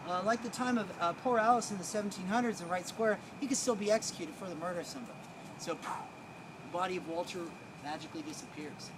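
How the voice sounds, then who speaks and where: Male tour guide, high voice, theatrical and colloquial storyteller, recorded outdoors with clear traffic noise. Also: fast. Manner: colloquial, wry, acts out dialogue. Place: outdoors on a city street.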